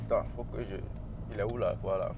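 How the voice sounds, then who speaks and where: A man's voice: fairly low pitch, fairly even intonation, a little fast, noisy background. A man with a Cameroonian accent, chatting and joking through a casual car review while driving. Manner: chatty and joking, shows features as he goes. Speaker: car vlogger.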